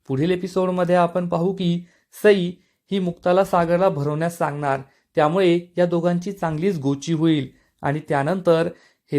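A man with a somewhat raised pitch delivers a scripted recap narration of a TV serial. He tells the story in a steady, even manner and reads out each quoted line plainly.

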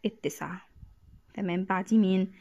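A woman with an Egyptian accent teaching a math lesson, patiently repeating each point and often clearing her throat. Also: mid-range voice, a little fast, warm tone. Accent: Egyptian Arabic.

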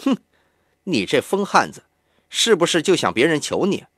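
A man reading an audiobook, voicing a hot-headed young man who taunts in a raised, sharp voice. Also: fairly high pitch, very animated, normal speed, husky, no room sound, studio quality, voice pushed up, heavily acted. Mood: mocking.

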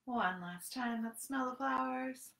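Reading to little kids like a librarian, this thirty-something woman sounds high, gravelly and fairly bright, speaking a little slowly with sing-song encouragement. She's indoors in a small room at home, and her webcam picks up a roomy echo.

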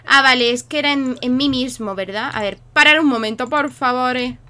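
Young woman, high bright voice, playful and chatty, game commentary. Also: fairly quick. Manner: playful, chatty, talks to viewers and her characters. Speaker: gaming YouTuber.

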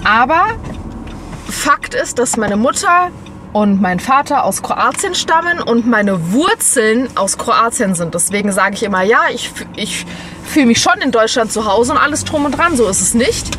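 A woman's voice: a little high, sing-song, normal speed. Chatty young woman vlogging from a parked car. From Germany. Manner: chatty, many fillers and restarts, laughs often. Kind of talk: casual vlog chat. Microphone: camera on dashboard. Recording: noisy car interior.

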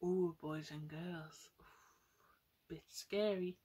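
A young woman with a lowish voice and fairly even intonation tells a paper-puppet story to children, speaking extremely slowly and turning to them with questions and exclamations. The setting is a small room indoors at home, and there's noise in the background.

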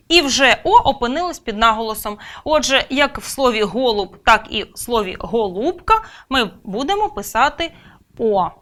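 A woman teacher explains a grammar lesson in a high, bright voice. She speaks in a deliberate, well-paced way. She lifts and drops her tone a lot to stress each key word. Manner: clear, deliberate, stresses words.

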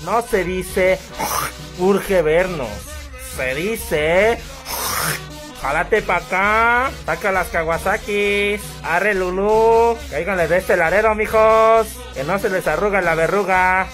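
A woman voicing a loud, crude working-class girl from the barrio, with a brassy, slangy delivery. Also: medium pitch, slow pace, faint music behind. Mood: brash, rowdy. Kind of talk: comedy sketch.

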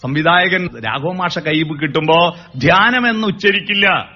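Man, public speech, animated, slightly high voice, lo-fi sound. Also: a little slow. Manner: animated, sings song lines and acts out calls to make points. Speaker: motivational speaker. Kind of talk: public speech on family and education. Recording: dull lo-fi recording.

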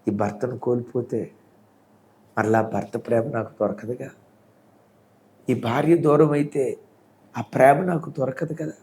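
A man's voice: steady tone, unhurried, long pauses, a little hiss or hum, low-quality recording. A male pastor, preaching a sermon and acting out a story with dramatic swings in voice. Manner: dramatic, voices the characters with big swings in pitch and loudness.

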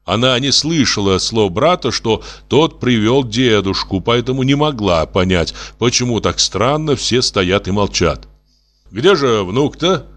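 Expressive male audiobook narrator. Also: lowish voice, unhurried, hardly any pauses. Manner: expressive storytelling. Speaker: audiobook reader.

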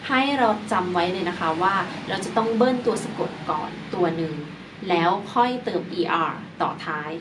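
A woman's voice: on the low side, lively intonation, normal speed. Female teacher, patient explainer, spells words out; recorded off-mic with audible noise. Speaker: English teacher. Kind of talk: explaining grammar lesson. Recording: distant mic with clear background noise.

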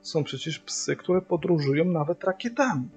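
A man voicing a pensive middle-aged male train waiter who muses quietly to himself. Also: a little high, lively intonation, normal speed, pitched above the performer's own voice. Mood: musing. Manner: musing, thoughtful. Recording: dull lo-fi recording, faint music.

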